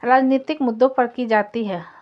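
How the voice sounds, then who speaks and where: A woman's voice: on the high side, steady tone, normal speed, natural voice. Woman voicing a hot-tempered young husband. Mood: irritated. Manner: angry, snapping. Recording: slightly dull lo-fi audio.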